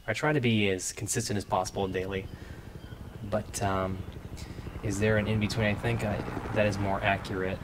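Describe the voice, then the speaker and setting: A man's voice: lowish voice, flat delivery, normal speed, background noise. A young man hosting a casual game livestream, chatting with viewers with lots of fillers. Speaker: livestream host. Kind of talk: casual gameplay stream chat. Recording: game music playing behind.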